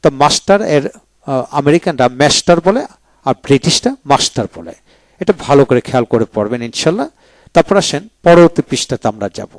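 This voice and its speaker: A man teaching English pronunciation in a video lecture, slowly repeating each word to drill the sounds. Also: medium pitch, lively intonation, no echo.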